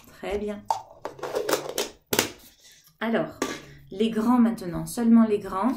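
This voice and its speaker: A woman teaching a remote lesson to kindergarten children, gently encouraging and counting aloud with them. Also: medium pitch, takes it slowly, slight background noise.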